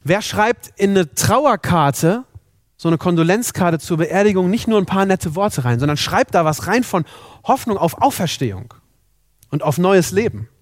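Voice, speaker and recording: Earnest preacher, dry sound. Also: male voice, high-pitched, lively intonation, normal speed, no room sound. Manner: earnest, rhetorical questions to the congregation. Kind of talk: sermon.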